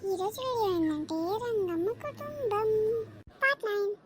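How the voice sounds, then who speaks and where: A woman hosting a cartoon story channel, who greets viewers slowly. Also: extremely high pitch, animated, noisy background. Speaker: channel host.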